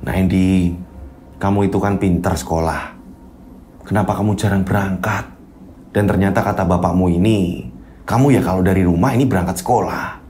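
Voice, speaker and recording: A man doing a deep, stern schoolteacher. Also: fairly even intonation, normal speed, a little mellow, slight background noise, close to an everyday voice. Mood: reproachful. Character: stern middle-aged male schoolteacher.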